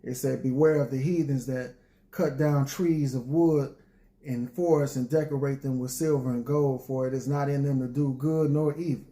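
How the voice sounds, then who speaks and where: A man's voice: medium pitch, fairly even intonation, normal speed, dark tone. A man speaking informally and reflectively to listeners in a folksy, preacherly way, as a poet sharing his thoughts. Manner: folksy, preacherly, often addresses listeners as y'all. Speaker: poet addressing an audience.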